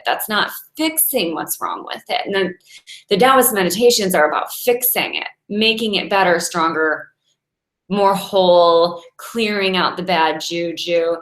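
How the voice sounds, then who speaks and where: A woman's voice: fairly low pitch, a bit bright. A woman in her forties giving a chatty, earnest inspirational talk as a meditation teacher, laughing now and then between thoughts. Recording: echoey room.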